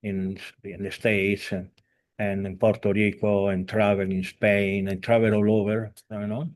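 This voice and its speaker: This spiritual teacher, a man in his seventies, talks on a video call in a lowish voice with a level tone. His earnest delivery halts often, filled with fillers and restarts, and his grammar is non-native.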